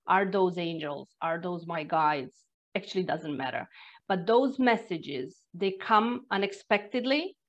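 Heard on dull, lo-fi audio, a Croatian energy therapist appears as a guest and tells personal stories in accented, non-native English. Her fairly low voice is expressive and unhurried, her manner earnest and thoughtful, punctuated by sighs and restarts.

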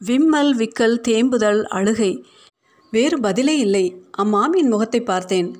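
A woman narrating a short story in a measured, steady storytelling voice. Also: on the high side. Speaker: story reader.

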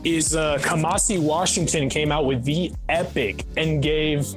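A man's voice: on the high side, fairly even intonation, unhurried, music in the background. A man in his twenties chatting casually on a podcast, rambling and often stopping with "what do you call it". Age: 20s. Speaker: podcast guest. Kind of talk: casual chat.

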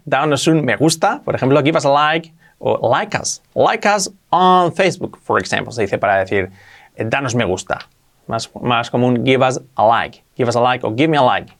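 A man with a Spanish accent from Spain teaching English grammar in Spanish, repeating each English example slowly and often checking with a quick question. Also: medium pitch.

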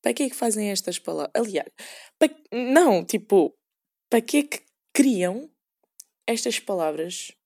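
A woman's voice: mid-range voice, expressive, moderate pace, darkish tone. A young woman with a European Portuguese accent, rambling sarcastically in a casual solo podcast and acting out quoted voices. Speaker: podcast host.

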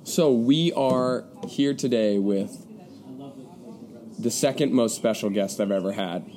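A man in his twenties hosts a casual podcast outdoors by a pool, his nose congested and stuffy. His mid-range voice is warm and unhurried as he chats in informal, upbeat slang. Birds, people and music are clearly audible in the background.

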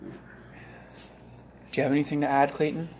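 A man co-hosting an event live stream in casual chat, joking with quick asides and slightly losing his voice. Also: on the high side, huge pitch swings, creaky, darkish tone, a little hiss or hum. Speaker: event co-host.

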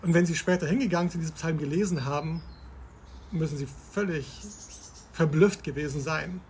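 A man's voice: a little high, a little fast, a little mellow, a little hiss or hum. A man hosting a podcast, explaining Bible passages step by step in a conversational way and asking his listener questions. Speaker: podcast host.

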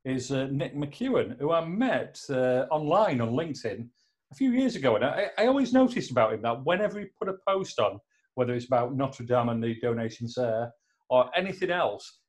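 A man hosting a casual podcast from his home office. He rambles and jokes, restarts his sentences and fills gaps with "uh". His voice sits at a middle pitch. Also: animated, moderate pace. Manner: rambling, joking, lots of fillers. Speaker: podcast host. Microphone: laptop.

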